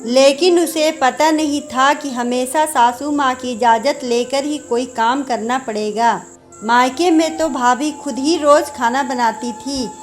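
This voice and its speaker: Slow, high-voiced woman storyteller. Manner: calm, measured storytelling, voicing characters lightly. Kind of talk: scripted story narration. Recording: soft music underneath. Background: faint background music.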